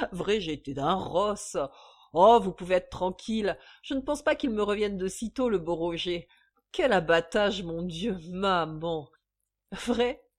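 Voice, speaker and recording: A woman reading a novel aloud, voicing a brash, mocking young demimondaine. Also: mid-range voice. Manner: loud, mocking, slangy.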